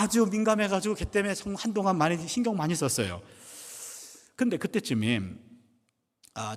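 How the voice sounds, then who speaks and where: A middle-aged man preaching a sermon, telling a family story and acting out the voices in it. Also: sits high. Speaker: pastor and former professor. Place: church sanctuary. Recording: church hall reverb.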